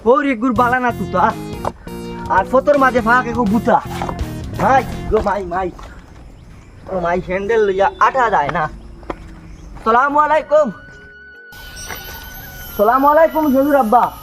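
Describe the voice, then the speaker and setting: An actor with a Sylheti accent playing a greedy, shameless young son-in-law who whines, pleads and repeats himself. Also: male voice, high-pitched, a little slow, long pauses, music in the background. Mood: pleading. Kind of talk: regional comedy drama acting.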